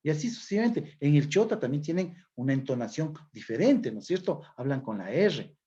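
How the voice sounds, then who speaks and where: A teacher from Ecuador gives a classroom lecture in a somewhat high, sing-song voice that's mellow and husky, speaking a little fast. He explains things step by step and keeps asking checking questions of his listeners. The recording is dull and lo-fi.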